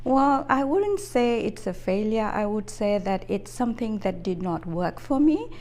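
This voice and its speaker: A woman in her fifties from Fiji, an executive answering interview questions in a measured, thoughtful way with frequent hesitations. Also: medium pitch, lively intonation, darkish tone. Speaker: interview guest, business executive.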